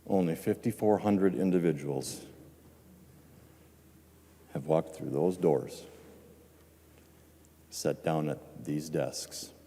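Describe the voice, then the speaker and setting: A deep, mellow-voiced older man delivers a measured farewell address on a legislative floor. His reflective tone carries touches of dry humor. A long hall reverb trails every phrase from the desk microphone. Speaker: departing state legislator. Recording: long reverb of a large chamber.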